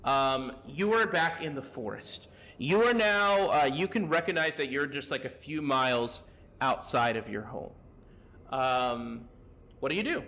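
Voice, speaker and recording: A man's voice: medium pitch, lively intonation, measured pace, pushed and bright, lo-fi sound. A man narrating a tabletop game as game master, describing scenes with frequent hesitations. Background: background music.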